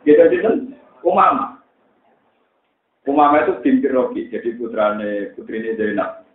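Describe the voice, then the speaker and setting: A man with a Central Javanese accent preaching a religious lecture, telling stories in a lively way that mixes jokes and pleading. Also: mid-range voice, measured pace. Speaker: Islamic preacher. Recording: echoey, tinny lo-fi recording.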